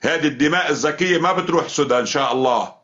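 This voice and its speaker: A man's voice: fairly high pitch, racing, fairly bright tone, muffled recording. A man hosting a heated political live chat, fervent and denouncing. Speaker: live stream host.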